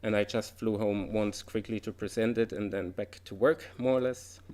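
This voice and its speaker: A man's voice: fairly low pitch, steady tone, moderate pace, a little mellow. A man, giving an informal presentation about his game development career, chatty and full of "uh" fillers. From Germany. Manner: chatty, with frequent "uh" fillers and light laughs. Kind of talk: informal conference talk.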